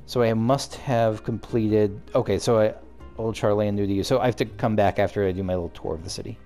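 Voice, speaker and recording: Faint music plays behind a let's play host with a lowish, warm voice and a steady tone. He comments briskly and casually on his game, rambling, thinking aloud, and interrupting himself.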